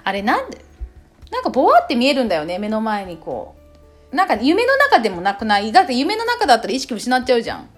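A woman's voice: a little high, fast, faint music behind. A young adult woman co-hosting a podcast, chatting casually and telling stories with frequent giggles. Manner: giggly, animated storytelling. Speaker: podcast co-host. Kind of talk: casual chat.

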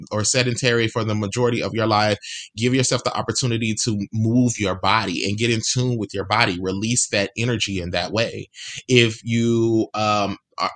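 A man hosting a solo motivational podcast, talking earnestly and encouragingly, repeating phrases for emphasis and slowing down on key words. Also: lowish voice, bright, forceful tone. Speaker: podcast host.

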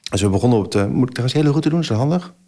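This podcast guest, a man in his forties, talks very fast in a mid-range voice. Telling his story casually and with animation, he acts out his earlier exclamations and uses plenty of filler sounds.

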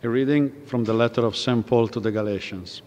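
A man's voice: medium pitch, fairly even intonation, darkish tone, lo-fi sound. Man reading scripture in cathedral echo. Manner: measured, solemn reading. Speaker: lector. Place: large church. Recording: long cathedral reverb.

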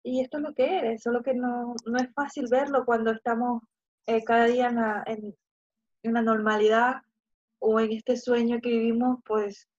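Calm, affirming woman, slightly high voice, dull dry recording. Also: moderate pace, no room sound. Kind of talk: casual conversation.

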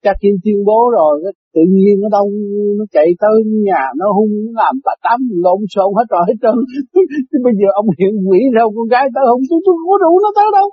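A man's voice: sits high, fast talker, husky, no echo, narrow, tinny audio. An older man giving a dharma talk as a spiritual teacher, telling stories in a chatty way and laughing often.

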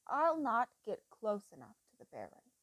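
A woman voicing a treacherous old male doctor who talks in low, slow, intense murmurs that flare into sudden loud bursts. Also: huge pitch swings, no room sound, exaggerated voice. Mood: menacing, obsessive.

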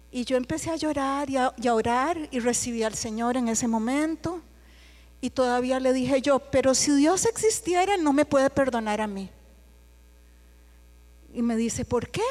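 A woman's voice: sits high, a little mellow. A middle-aged woman giving an emotional personal conversion testimony, acting out the voices in her story. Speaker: testimony speaker. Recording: long hall reverb.

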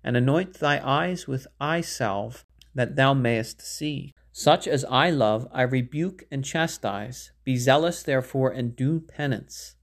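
A man reading scripture aloud in a measured, solemn way, phrasing archaic verse with care. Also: medium pitch. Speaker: Bible reader.

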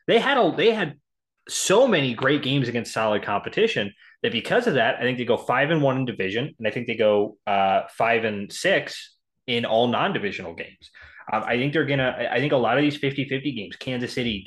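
The speaker is a man co-hosting a sports podcast, voice mid-range and slightly bright. He's got the hiccups as he casually predicts outcomes, listing stats with many ums and false starts.

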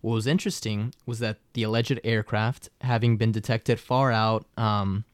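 A smooth, fairly deep American man tells stories as a podcast host. He is wordy and drifts into casual asides, with a dry, close sound. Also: flat delivery, normal speed, no room sound.

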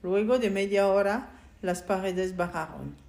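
Softly reading woman narrator. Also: mid-range voice, unhurried, creaky. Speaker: audiobook narrator. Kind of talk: first-person audiobook narration.

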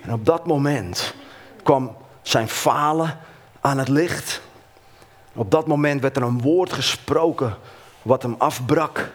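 A man preaching a sermon, telling a Bible story with animated delivery and dramatic pauses. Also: mid-range voice.

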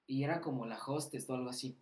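A young man with a Mexican Spanish accent tells a long podcast anecdote, loose and slangy, swearing freely. His pitch sits mid-range for a man. The room adds a clear echo around him. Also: fast talker. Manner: slangy, swearing, animated anecdote with acted quotes. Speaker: podcast guest. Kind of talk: casual storytelling. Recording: roomy echo.

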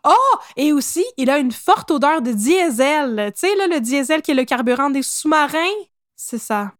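Québécoise woman telling history on a podcast, lively and jokey, high voice, dry close sound. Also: normal speed, no room sound. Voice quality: animated, jokey, laughs often. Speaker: podcast host, storyteller. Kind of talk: casual history storytelling.

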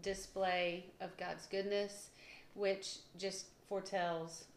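A woman's voice: medium pitch, flat delivery, slow. Woman, casual Bible talk, self-deprecating, laughs often, roomy echo. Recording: echoey room with faint noise.

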